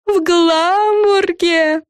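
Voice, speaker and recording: A woman's voice: fairly even intonation, very slow, dry recording, studio quality, full character voice. A woman voicing a pompous, squealing tiny female fairy with a piercing voice in an audiobook. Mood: indignant. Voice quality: shrill, piercing. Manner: haughty and bossy, exclaiming. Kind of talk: audiobook voice acting.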